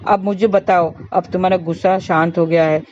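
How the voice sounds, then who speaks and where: Woman voicing a calm, patient holy man. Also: on the low side, normal speed, a little hiss or hum, close to an everyday voice. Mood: gentle. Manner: soothing, coaxing. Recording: slightly dull lo-fi recording.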